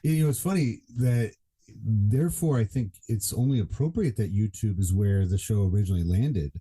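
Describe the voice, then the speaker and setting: Low, dark-voiced man rambling on a podcast. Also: animated, normal speed, slightly rough. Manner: rambling, many fillers and restarts. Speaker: podcast co-host. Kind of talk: casual podcast chat.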